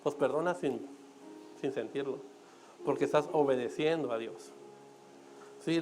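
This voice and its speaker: Chatty Mexican preacher, fairly high voice. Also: male voice, slight background noise. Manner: chatty, joking asides, frequent "right?" checks. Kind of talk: conversational sermon. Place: church.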